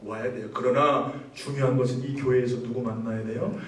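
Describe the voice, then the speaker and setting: A man's voice: mid-range voice, fairly even intonation, fairly quick. A male pastor preaching a sermon, questioning the congregation and building to emphatic passages. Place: church sanctuary. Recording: echoey church hall, mic at a distance.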